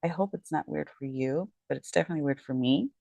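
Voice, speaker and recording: This real estate agent and legal commentator talks fast in a low, creaky, dark voice, casually going over a court case from home late at night. She sounds tired and worn, rambling, self-correcting, and apologetic. The recording carries no room sound.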